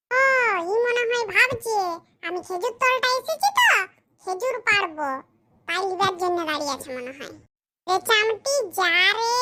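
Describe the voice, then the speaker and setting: In a comedy cartoon, a performer with a pitched-up voice plays a crude, self-pitying village boy who mutters complaints in rustic slang. The recording is very noisy.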